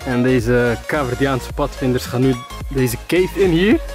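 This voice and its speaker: A man's voice: mid-range voice, a little slow, music in the background. A young man chatting on a travel vlog, upbeat and casual, often tagging his sentences with "man", filmed on a handheld camera. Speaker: travel vlogger. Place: outdoors and in a parked minivan.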